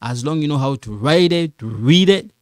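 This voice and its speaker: A man's voice: a little high, expressive, dry recording, clean studio sound. A middle-aged man teaching in a patient, repetitive way, speaking English as a with as his tongue. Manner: patient, repetitive, slow explanations, non-native English phrasing. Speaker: French teacher. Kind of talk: classroom-style language lesson.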